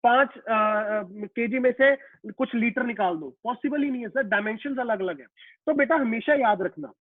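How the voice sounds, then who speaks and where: A man's voice: very high-pitched, normal speed, no echo. A male physics teacher giving a live online lecture, asking questions and answering them himself, calling students "beta" and explaining with everyday examples. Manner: asks and answers his own questions, calls students "beta". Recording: tinny phone-like dry sound.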